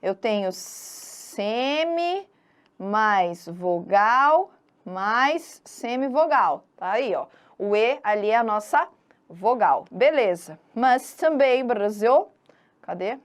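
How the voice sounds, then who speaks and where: A woman's voice: fairly high pitch, animated, slow, a little mellow. Chatty Brazilian woman teaching grammar. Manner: chatty, teasing, drags out syllables for emphasis. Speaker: Portuguese teacher. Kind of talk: online exam-prep lesson.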